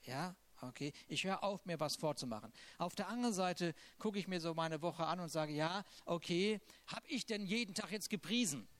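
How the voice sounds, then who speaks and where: High-voiced male preacher. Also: normal speed, hardly any pauses, fairly bright tone. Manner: conversational and loosely structured, with a playful humor. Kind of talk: sermon.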